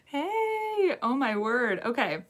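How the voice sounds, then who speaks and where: A woman's voice: high voice, sing-song, takes it slowly. A young woman hosting a live Q&A from home on her phone, nervous and giggly as she greets viewers by name. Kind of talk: casual live-stream chat.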